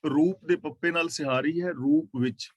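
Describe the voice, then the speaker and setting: A man teaching a scripture class, chanting verses slowly and then explaining them in plain talk. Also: fairly high pitch, no room sound.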